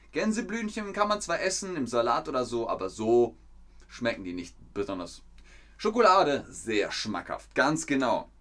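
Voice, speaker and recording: A man teaching German in a live stream, with a mid-range voice. He keeps turning to the chat, asks his viewers questions and slowly rephrases sentences for learners. Now and then he drops in a playful joke. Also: mid-range voice. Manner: playful, joking asides.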